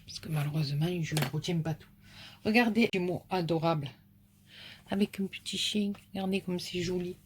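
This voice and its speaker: A woman's voice: on the low side, normal speed, slight background noise. A woman with a southern French accent, chatting casually and affectionately to viewers as she opens mail from her crafting followers. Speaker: craft YouTuber opening mail.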